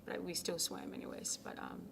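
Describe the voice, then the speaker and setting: A young adult woman from Ghana, captain of her college tennis team, answers interview questions softly and casually, fairly quickly, with lots of ums. At times her voice drops nearly to a whisper, and the background is noisy.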